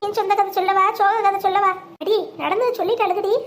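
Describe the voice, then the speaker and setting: A high-voiced performer voicing an older village mother who pleads and wails for her jailed daughter. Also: fairly even intonation, quick pace, a little hiss or hum. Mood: pleading. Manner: wailing, pleading.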